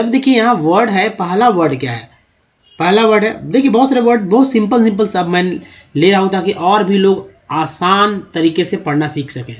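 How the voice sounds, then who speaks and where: High-voiced man teaching English reading. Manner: explains step by step, repeating words and asking questions. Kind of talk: spoken lesson on reading.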